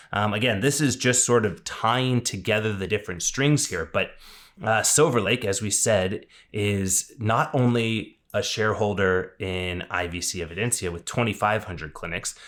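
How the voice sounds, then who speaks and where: Male podcast host, lower register, relaxed conversational delivery of industry news. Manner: conversational, enthusiastic asides. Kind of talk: casual news commentary.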